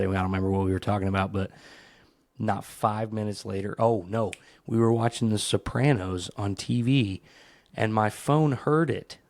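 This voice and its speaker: A man's voice: creaky, no echo. A man hosting his own solo podcast, ranting in a rambling, profane, comic way and telling stories with animation. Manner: animated storytelling, leaps into higher voices for quotes. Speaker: podcast host.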